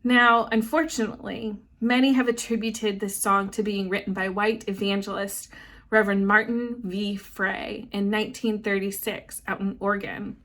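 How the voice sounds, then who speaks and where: A woman's voice: mid-range voice, steady tone, moderate pace, fairly bright tone. A young woman pastor giving a devotional reflection, earnest and reflective, and she addresses her listeners as beloved.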